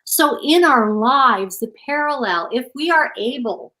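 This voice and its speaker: A woman's voice: high voice, lively intonation, measured pace, sharp tone, rough recording. A middle-aged woman, an author being interviewed, speaking in an earnest, reflective storytelling way. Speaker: author and guest. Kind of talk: interview conversation.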